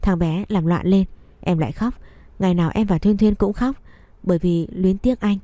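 A woman's voice: mid-range voice, normal speed, mellow, no room sound, lightly acted. A woman voicing a pleading, emotional estranged wife in a read-aloud story.

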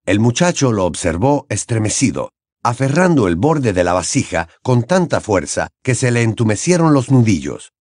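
A male audiobook narrator reading a fantasy novel in an expressive, dramatic way. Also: medium pitch, moderate pace, no echo, studio quality. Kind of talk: scripted narration.

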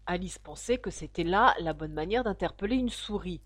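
A woman narrating a storybook aloud with expressive, storytelling delivery. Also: lowish voice, normal speed, dry recording. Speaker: reader. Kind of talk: audiobook narration.

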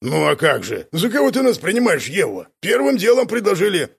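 A man's voice: high-pitched, huge pitch swings, a little fast, gravelly, breathy edge, pitched above the performer's own voice, heavily acted. A man voicing a cheeky, coarse short crossbowman in an audiobook, jeering in slang. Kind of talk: audiobook character voice.

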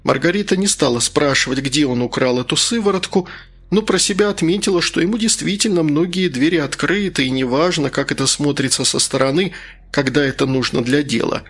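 A man reading an audiobook in an even, steady, scripted narration. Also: a little high, fairly quick, husky.

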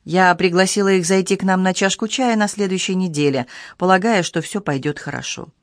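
A woman reading a mystery novel aloud as an audiobook narrator, in a measured, even storytelling manner. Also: on the low side, dry recording, clean studio sound. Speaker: audiobook reader. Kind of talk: scripted narration.

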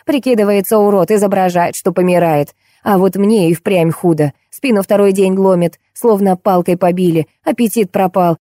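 A woman reading an audiobook, voicing a shrill, scolding middle-aged wife fed up with her drunk husband. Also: normal speed, hardly any pauses, warm tone, no echo, clean studio sound, natural voice. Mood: complaining.

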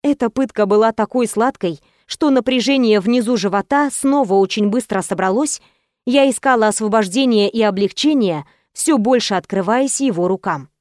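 A woman reading a first-person romance audiobook aloud in a soft, intimate, expressive way. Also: on the high side, normal speed, dry recording, clean studio sound. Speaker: audiobook reader.

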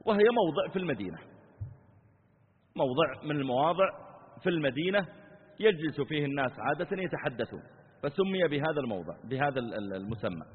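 A man's voice: fairly high pitch, expressive, quick pace, pauses often, breathy edge. A man giving a religious lesson as a sheikh, explaining step by step and acting out people's questions. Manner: explanatory, acts out questioners, repeats phrases. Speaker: sheikh teaching hadith. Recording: tinny phone-like sound in a reverberant hall.

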